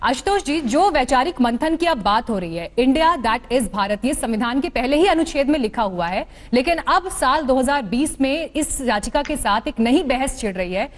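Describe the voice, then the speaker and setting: Firm high-voiced woman anchoring a debate. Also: lively intonation, moderate pace, hardly any pauses. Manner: firm, cuts in to pass the turn. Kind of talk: moderating a televised panel debate.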